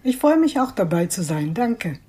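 Earnest older woman, husky, mellow. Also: medium pitch, very animated, normal speed. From Israel. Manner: earnest, searching for words with restarts. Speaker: interview guest, prayer leader. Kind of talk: thoughtful interview answers.

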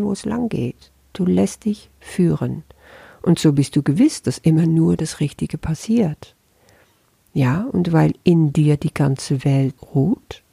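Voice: medium pitch, creaky, mellow, husky, no room sound. A spiritual teacher giving a conversational lesson commentary who often asks the listener questions.

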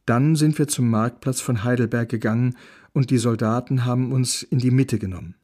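A man reading a children's novel aloud in a calm, gentle storytelling manner. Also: medium pitch, normal speed. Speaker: audiobook narrator.

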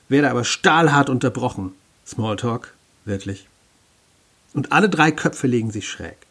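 A man narrating a first-person story with wry, self-ironic humor and a husky voice. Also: mid-range voice.

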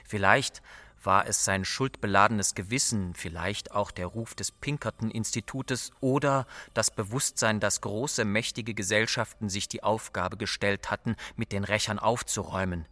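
A man reading a story aloud in measured, serious scripted narration. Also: lowish voice, steady tone, sharp tone, no echo. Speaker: audiobook narrator.

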